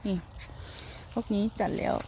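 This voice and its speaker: Out in a field, a woman who sells produce from an organic farm casually demonstrates how to check watermelons, tapping each one and listening. She talks in a chatty, polite way with polite particles, at a measured pace over background noise.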